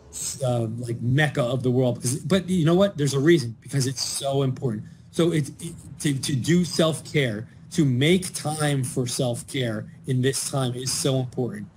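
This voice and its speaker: A man's voice: medium pitch, a little mellow, slight background noise. A middle-aged man, a mental health and addiction counselor, giving earnest advice in an informational talk and telling stories with animation.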